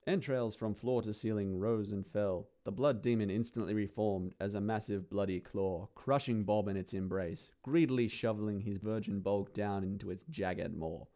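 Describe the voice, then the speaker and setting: A man telling a grim fantasy tale in a low, mellow voice. His delivery is dry and theatrical, savouring each grisly turn. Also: steady tone, normal speed, hardly any pauses. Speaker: narrator. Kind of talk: dramatic dark-fantasy storytelling.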